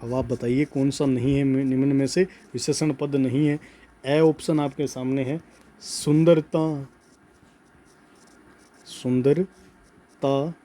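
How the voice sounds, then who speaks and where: A man teaching a grammar class, slowly dictating notes and repeating key words, often checking in with "okay". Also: mid-range voice, little pitch movement, dark tone. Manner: slow emphatic dictation, repeats words, frequent "ठीक है".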